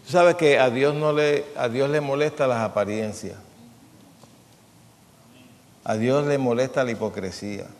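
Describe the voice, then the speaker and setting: A man's voice: mid-range voice, unhurried, long pauses. Man preaching in a reverberant hall. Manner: plain-spoken, asks the congregation questions, jokes. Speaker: pastor. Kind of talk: conversational sermon.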